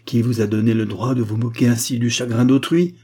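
A man's voice: mid-range voice, moderate pace, warm tone, husky, natural voice. A man voicing a bitter, grieving male doctor who lashes out indignantly, hammering each word. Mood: furious, contemptuous.

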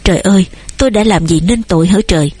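A woman voicing an old father who shouts and trembles with rage, with a husky voice. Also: medium pitch, fast, close to an everyday voice. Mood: despairing. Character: old father, furious and failing.

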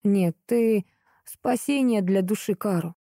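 A woman reading the lines of a calm, serious young male dark mage, explaining in a level, steady way. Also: medium pitch, slow pace, no room sound, studio quality. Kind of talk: audiobook character reading.

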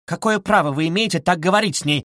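A man's voice: high voice, fast talker, a bit bright, dry recording, studio quality, pitched above the performer's own voice. A man reading aloud voices an agitated, indignant older mother who keeps exclaiming. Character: indignant older mother, quick to take offence.

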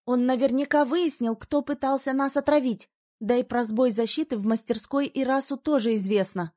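A woman narrating a first-person fantasy audiobook in a lively, wry manner. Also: high voice, normal speed.

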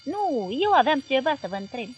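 A man's voice: extremely high pitch, sing-song, faint music behind, pitched above the performer's own voice. A woman voicing an earnest young male journalist who pleads his case in an urgent way.

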